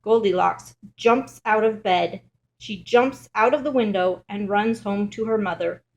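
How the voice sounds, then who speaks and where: A woman reading a children's picture book aloud in a steady, clear manner. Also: medium pitch, measured pace, dull audio. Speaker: storybook reader.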